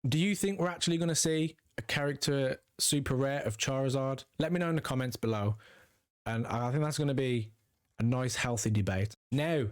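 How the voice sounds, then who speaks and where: A man's voice: medium pitch, dry recording, clean studio sound. A man hosting a card-collecting channel, talking casually and upbeat straight to his viewers. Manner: chatty, upbeat, addresses viewers directly. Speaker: trading card channel host. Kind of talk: casual video commentary to viewers.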